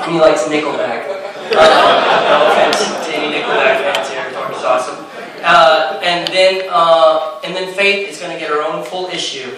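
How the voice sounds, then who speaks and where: A man, a comic book writer on a panel, talking eagerly and rambling, with many fillers and restarts. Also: fairly high pitch. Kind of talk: casual panel talk. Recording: echoey hall, speaker far from mic, faint noise.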